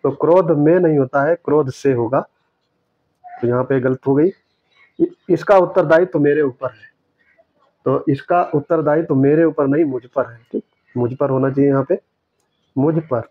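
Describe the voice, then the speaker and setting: A man teaching, going through exam questions and correcting each answer step by step, repeating the right words slowly. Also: fairly high pitch, dry recording. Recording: dry, dull lo-fi sound.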